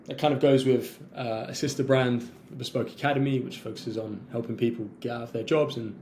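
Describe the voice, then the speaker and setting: Mellow-voiced young man telling his story. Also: medium pitch, fairly even intonation, brisk, a little hiss or hum. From London. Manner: fluent storytelling, occasional throat clearing. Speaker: podcast guest, entrepreneur. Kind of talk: casual interview chat.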